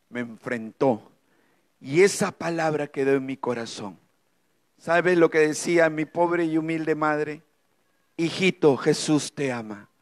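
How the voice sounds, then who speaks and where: High-pitched middle-aged man, church testimony, emotional preaching with dramatic pauses. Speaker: speaker giving a testimony.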